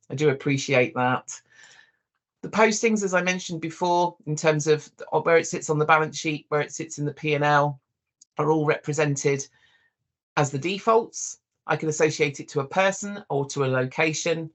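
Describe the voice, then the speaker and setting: Someone with a mid-range voice gives a live software walkthrough, explaining each step informally. They speak directly to the viewers.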